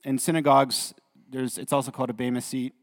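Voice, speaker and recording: A man's voice: medium pitch, level tone, quick pace. A man preaching a sermon as a pastor, earnest, often repeating words as he goes. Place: church hall. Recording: reverberant church hall.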